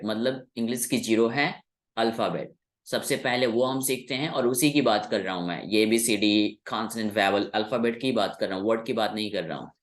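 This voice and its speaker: A man whose first language is Hindi, teaching English sounds in a patient classroom explanation, repeating key words slowly. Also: mid-range voice.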